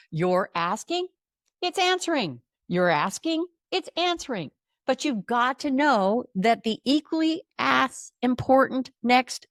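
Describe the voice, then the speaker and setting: A woman's voice: on the high side, no room sound, clean studio sound. A woman hosting a motivational podcast as a life coach, speaking emphatically and repeating her key words.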